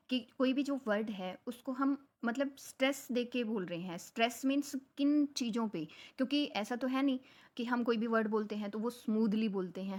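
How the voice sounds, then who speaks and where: A young woman who speaks Hindi as her teaches a lesson. Her voice sits a little on the high side. She explains patiently and conversationally, switching freely between Hindi and terms. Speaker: English teacher. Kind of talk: explanatory lecture.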